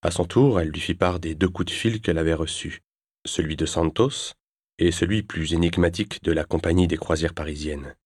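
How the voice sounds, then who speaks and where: Deep-voiced male audiobook narrator. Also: dry recording, clean studio sound. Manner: measured, even reading. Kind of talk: scripted narration.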